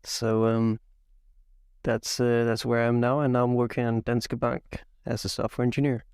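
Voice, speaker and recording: A young man raised in Belgium co-hosts a casual tech podcast. His voice has a gravelly edge, and he talks haltingly, full of fillers, yet eagerly. The sound is dry and close-miked. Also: mid-range voice, level tone, a little mellow, no echo. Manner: halting, many fillers and restarts, enthusiastic. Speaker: podcast co-host.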